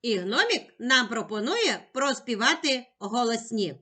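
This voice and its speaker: A woman teacher giving a slow, carefully spoken lesson to a child, gently addressing the child and sounding out words and letters one by one. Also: a little high, very animated.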